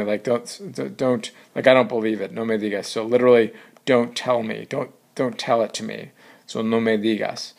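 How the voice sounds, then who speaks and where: A man teaching a recorded Spanish grammar lesson, explaining step by step and slowing down on the example words. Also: mid-range voice. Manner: explains step by step, says "so" and "right" a lot, slows down on example words.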